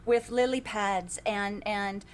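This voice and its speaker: A woman narrating as game master of a tabletop game, halting and restarting as she describes scenes. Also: medium pitch, steady tone, a little hiss or hum.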